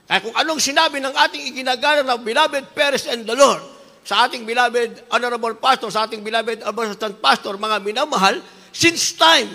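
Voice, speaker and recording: Fervent woman preacher, sharp gravelly voice. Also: medium pitch, long reverb tail. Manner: fervent, repeats "beloved" refrain, switches into English. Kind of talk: impassioned sermon.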